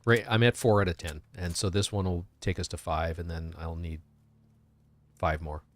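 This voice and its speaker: A man's voice: low-pitched, level tone, normal speed, no room sound. A man giving casual gameplay commentary as a live streamer.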